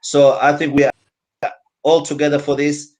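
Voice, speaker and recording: A man's voice: on the high side, little pitch movement, moderate pace, darkish tone. A man from Somalia, speaking earnestly on a panel over a video call and repeating his key phrases. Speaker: community centre representative. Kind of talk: panel discussion.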